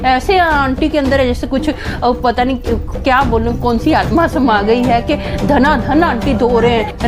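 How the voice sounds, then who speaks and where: A woman telling a personal story in a casual vlog, animated and dramatic, with many fillers. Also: high-pitched.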